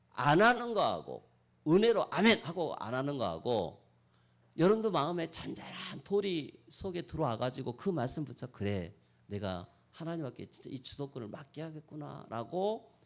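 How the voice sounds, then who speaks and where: A male pastor delivering a Sunday sermon in a church. His voice has a gravelly texture and a lively, wide-ranging pitch. He alternates between loud exhortation and quiet, acted-out prayers. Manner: preaching with sudden loud and soft swings, acting out prayers. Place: church sanctuary.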